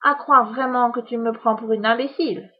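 A woman voicing a grandiose, spiteful female witch in a children's storybook reading, theatrical and loud with insults. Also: fairly high pitch, steady tone, moderate pace, husky, muffled recording, voice pushed up. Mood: furious. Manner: theatrical, shouting insults with relish.

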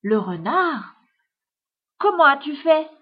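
Woman doing stern bandit father hamster, husky, slow, storybook. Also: sits high. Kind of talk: storybook reading. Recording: dull lo-fi recording.

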